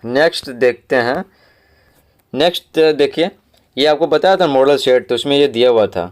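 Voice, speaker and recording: A man's voice: mid-range voice, expressive. Patient man teaching English. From Bihar, India. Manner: spells words out letter by letter and reads English lines slowly. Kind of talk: explaining exam answers to schoolchildren.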